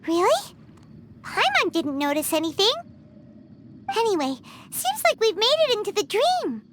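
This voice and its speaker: Tiny childlike game fairy, extremely high squeaky voice, wildly animated, chatty. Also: female voice, a little slow, background noise, full character voice. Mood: curious. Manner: exclaiming, refers to herself by name. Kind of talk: video game voice acting.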